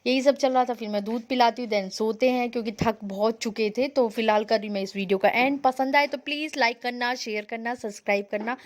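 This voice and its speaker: A woman's voice: a little high, fairly even intonation, a little fast, hardly any pauses. A young woman from India narrating her family vlog in a chatty, rambling way, mixing in English words. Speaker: vlogger.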